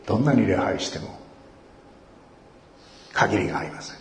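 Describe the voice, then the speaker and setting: A man's voice: fairly low pitch, lively intonation, a little hiss or hum. Earnest male pastor in an echoey hall. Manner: earnest, measured preaching with emphatic repeats. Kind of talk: sermon. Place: church worship hall.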